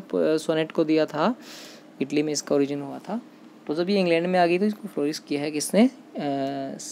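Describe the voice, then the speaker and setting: An Indian-accented teacher runs an exam-prep lesson in a middling register, with a faint hiss under the voice. The teacher keeps turning to the students, repeats each key term and answers each question before anyone else can. English passages are read out slowly and then unpacked. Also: medium pitch, a little mellow. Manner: asks questions and answers them herself; repeats key terms, often calls out to students.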